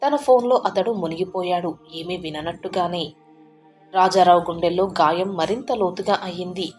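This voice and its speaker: Woman, storyteller, measured heartfelt narration, soft music behind. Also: fairly low pitch. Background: soft background music.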